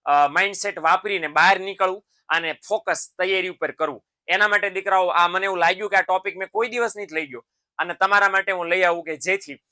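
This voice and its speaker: A man's voice: high-pitched, brisk, pushed and bright. A man giving a motivational lesson to students. He talks in a fatherly way, calls them his sons and keeps checking in with tag questions. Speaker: teacher.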